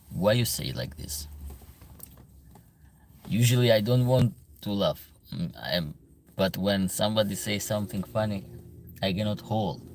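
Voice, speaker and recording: A man from Albania with an Albanian accent, chatting casually on a livestream as he reads viewer comments aloud and answers them. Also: lowish voice. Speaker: livestream host, veterinarian.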